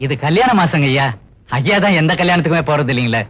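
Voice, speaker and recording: Deferential servant. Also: male voice, a little high, lively intonation, fast talker, fairly bright tone, muffled recording. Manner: respectful, deferential.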